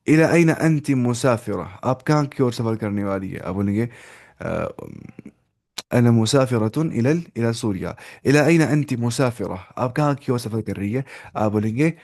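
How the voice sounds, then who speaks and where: A man teaching an online Arabic lesson in with English words mixed in, reading Arabic phrases slowly and then explaining them. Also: medium pitch, a little mellow.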